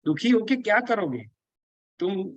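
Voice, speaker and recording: A man's voice: high voice, lively intonation, measured pace, no room sound. A man giving an earnest spiritual lecture, repeating himself and checking that his listeners follow. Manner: repetitive, keeps checking in with listeners; earnest, insistent. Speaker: spiritual teacher. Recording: dull, lo-fi, dry sound.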